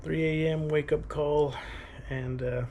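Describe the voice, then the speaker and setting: Casual male vlogger, thirties: gravelly fry, rambling, halting delivery, faint background noise. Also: on the high side, fairly even intonation, lo-fi sound. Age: 30s. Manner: halting, thinking aloud. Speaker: running vlogger. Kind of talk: casual rambling vlog talk.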